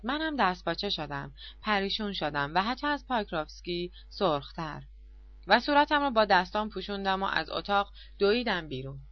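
A woman giving an expressive, confessional first-person audiobook narration. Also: on the low side, dry recording, dull audio.

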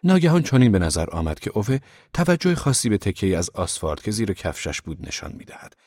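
A man narrating a novel as an audiobook in a calm, measured reading. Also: fairly low pitch, dry recording, clean studio sound.

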